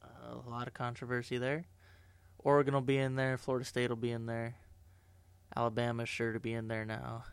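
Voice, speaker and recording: A man's voice: medium pitch, completely flat delivery, brisk, vocal fry, clean tone, dry recording. A man co-hosting a podcast in casual sports chat, with wry joking asides. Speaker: podcast co-host.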